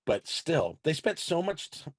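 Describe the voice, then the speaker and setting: A man co-hosting a podcast in casual chat, talking quickly with many halting restarts. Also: fairly high pitch, big pitch swings, dry recording. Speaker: podcast co-host.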